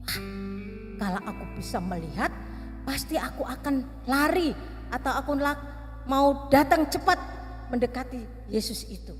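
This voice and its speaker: A woman playing a desperate blind beggar, crying out high. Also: expressive, moderate pace, pauses often. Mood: hopeful. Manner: cries out loudly, high and pleading. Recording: reverberant room with faint music.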